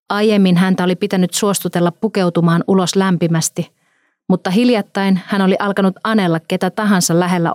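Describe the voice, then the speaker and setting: A woman narrating a story in a calm, measured reading. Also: lowish voice, no room sound, studio quality.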